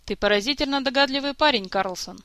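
A woman reading as a gruff, mocking male jester-thief who grumbles at everyone. The tone is bright and sharp, and the recording is close and dry with no room sound. This is a storybook reading. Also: very high voice, quick pace, dry recording, voice pushed up, exaggerated voice. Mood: sarcastic.

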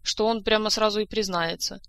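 A woman's voice: medium pitch, steady tone, fairly quick, fairly bright tone, clear, resonant tone, no echo, close to an everyday voice. A woman voicing an indignant male court jester.

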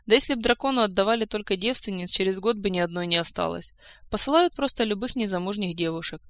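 A woman reading aloud, voicing a lively, frank young woman explaining things. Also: mid-range voice, fast talker, no room sound, close to an everyday voice.

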